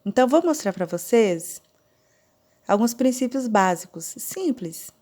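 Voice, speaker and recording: A woman with a Brazilian Portuguese accent teaching a recorded online lesson, explaining slowly and step by step. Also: a little high, very animated, a little mellow. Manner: slow, deliberate, explaining step by step. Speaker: sign language teacher.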